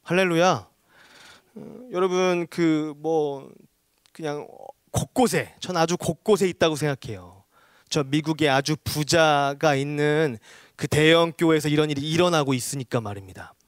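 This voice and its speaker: A man's voice: on the high side, moderate pace, clean studio sound. A man who is a missionary preacher gives a sermon in a church hall. He keeps addressing the congregation, calls for amens and swells to emphatic exhortations.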